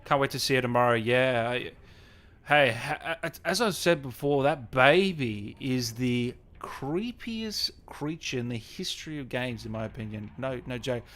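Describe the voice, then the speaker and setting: With a medium-pitched, expressive and somewhat bright voice, this man talks in an unhurried way. He hosts a livestream and interviews on gaming, casually reading and responding to viewer comments while often repeating himself.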